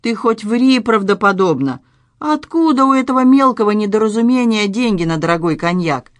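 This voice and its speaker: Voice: medium pitch, animated, moderate pace, no room sound, clean studio sound, pitched above the performer's own voice, natural voice. A narrator voicing an irritable male head waiter who talks indignantly and scolds, read in an audiobook. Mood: scolding. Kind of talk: audiobook character reading.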